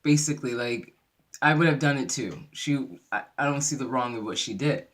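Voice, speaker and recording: A host giving a casual recap of a reality TV episode, telling it as an animated story and acting out the quotes. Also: mid-range voice, moderate pace. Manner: animated storyteller who acts out quotes in voices; laughs easily while retelling.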